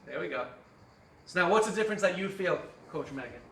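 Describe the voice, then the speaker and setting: A man's voice: sits high, animated, fairly quick, creaky, a bit bright, echoey room, far from the mic, slight background noise. A man as fitness coach, leading a guided stretching class with jokes and countdowns. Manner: joking, upbeat instruction with counting. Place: fitness studio.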